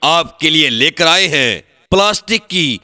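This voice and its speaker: A man's voice: on the high side, lively intonation, a little slow, sharp tone, dry recording. A man announcing a street vendor's offer in a sing-song hawker's call, repeating slogans again and again. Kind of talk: recorded loudspeaker sales pitch.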